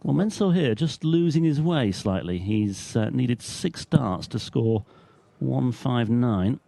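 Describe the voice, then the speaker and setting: A man giving measured live darts commentary as the lead commentator. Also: mid-range voice, lively intonation, gravelly, dark tone, dry recording.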